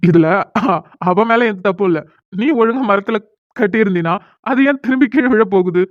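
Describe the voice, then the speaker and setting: A woman's voice: mid-range voice, lively intonation, moderate pace, dry recording, natural voice. Woman voicing a whiny young man. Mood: upset. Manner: complaining, self-pitying, pleading. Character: young man, newly and unwillingly married, whiny. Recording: dry, tinny phone-like audio.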